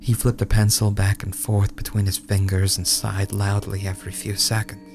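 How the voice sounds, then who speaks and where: A man narrates a dark first-person tale in a low voice with a crackly, gravelly edge. His delivery is brooding and hushed, halting for dramatic pauses. Music plays clearly underneath. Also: completely flat delivery. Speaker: narrator reading a horror short story. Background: background music.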